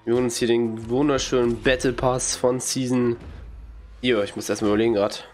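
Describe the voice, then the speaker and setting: A young male streamer with a cold talks briskly in a flat, medium-pitched voice over soft background music. Wearing a headset in a small room at home, he comments on a video game casually and bluntly, using slang, mocking what he sees and coughing from time to time.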